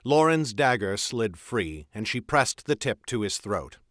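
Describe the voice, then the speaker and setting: A man reading his own fantasy novel aloud in an expressive storytelling manner. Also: on the low side, unhurried, no echo, clean studio sound.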